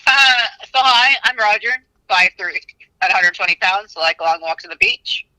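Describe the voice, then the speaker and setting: A man's voice: high voice, lively intonation, moderate pace, sharp tone, no echo, low-quality recording. Guy in his 30s on speakerphone, dry close phone sound, chatty, rambly, jokes around. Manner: joking, rambling, with fillers. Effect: heard through a phone on speakerphone. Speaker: caller, console owner. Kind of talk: casual phone storytelling.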